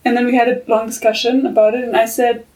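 Candid woman, slightly higher voice. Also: flat delivery, fast talker, a little mellow, recorded from a distance, low-quality recording. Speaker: podcast co-host. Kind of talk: casual round-table chat.

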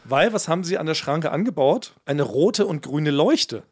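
Co-host: man, high-pitched voice, theatrical mock outrage, amused casual delivery. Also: expressive, normal speed, darkish tone. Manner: theatrical, mock-indignant, laughs while telling. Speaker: podcast co-host. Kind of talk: casual comedic chat.

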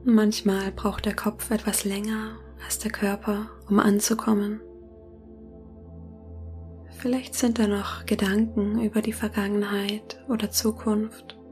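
A woman guides a meditation in a soft, breathy near-whisper, slowly and calmly with long pauses. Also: medium pitch, faint music behind. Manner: slow, calming, long pauses between phrases. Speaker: meditation guide and podcast host.

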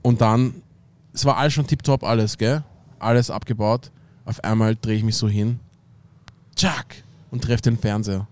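A man's voice: fairly low pitch, fairly even intonation, normal speed, a little mellow. A young man with an Austrian German accent, rambling through an anecdote in casual slang with lots of fillers. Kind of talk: casual chat.

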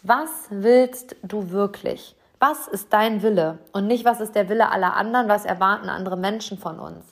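A woman speaks directly to her listener in a motivational talk. She sounds earnest and direct, and she drops her pace to press home her key questions. Her voice sits at an ordinary middle pitch for a woman. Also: normal speed, hardly any pauses.

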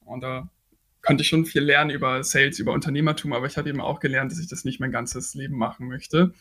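A man's voice: medium pitch, fairly even intonation, quick pace, bright, forceful tone. A man in his twenties, a startup founder, answering podcast questions earnestly with frequent hesitations. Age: 20s. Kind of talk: podcast interview.

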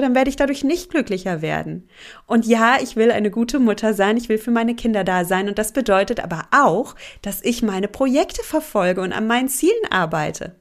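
A woman in her thirties hosting a self-help podcast as a coach, chatty and emotional, laughing often. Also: a little high.

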